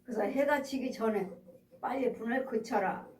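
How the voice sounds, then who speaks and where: A woman's voice: fairly high pitch, moderate pace, a little mellow. A middle-aged woman pastor preaching a sermon, repeating exhortations and asking the congregation rhetorical questions. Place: church sanctuary. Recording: echoey room, voice from a distance.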